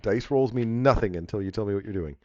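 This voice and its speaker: Low-voiced man running a tabletop game, muffled audio. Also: fast talker. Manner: casual, jokey, swears. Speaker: game master. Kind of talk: narrating and refereeing a tabletop game. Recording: dull lo-fi audio.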